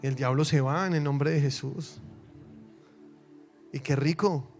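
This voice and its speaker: Male pastor, high voice, animated church sermon, faint music behind. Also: measured pace. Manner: animated, swings between loud emphasis and soft asides. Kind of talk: lively sermon with acted-out quotes.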